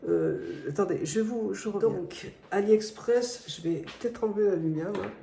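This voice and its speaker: A middle-aged woman who is sick and hoarse, chatting hesitantly through a casual product review vlog, filmed on her phone at home. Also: mid-range voice, moderate pace, background noise. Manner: chatty and hesitant, often restarting phrases. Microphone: phone camera.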